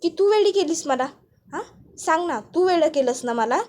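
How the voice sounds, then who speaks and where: A woman voicing a fierce older woman who loudly accuses a schemer. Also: very high-pitched, expressive, moderate pace, pitched above the performer's own voice. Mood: accusing. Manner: loud accusing outbursts.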